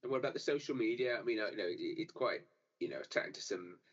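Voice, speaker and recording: Fast-talking husky male co-host. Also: lowish voice, expressive, muffled recording. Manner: quick, halting questions with restarts. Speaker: podcast co-host. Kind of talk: casual interview.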